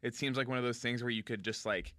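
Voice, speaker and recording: A man with a bright, forceful voice, co-hosting a loose comedy podcast. He riffs casually and backs up his partner. The sound is dry and close, with no room around it. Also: medium pitch, steady tone, no room sound. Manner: agreeable, quick to back up his partner. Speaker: podcast co-host.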